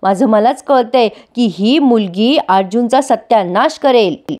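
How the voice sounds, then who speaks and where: Woman doing an old grandmother, fretful, tearful, slightly high, mellow tone. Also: unhurried, natural voice. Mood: accusing. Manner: lamenting, fearful, tearful. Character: anxious grieving old grandmother, head of family.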